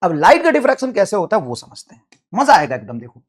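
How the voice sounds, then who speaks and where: A man teaching physics to a class, explaining step by step and slowing down to dictate key phrases in English. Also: high voice, huge pitch swings, breathy edge. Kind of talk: classroom lecture with student questions.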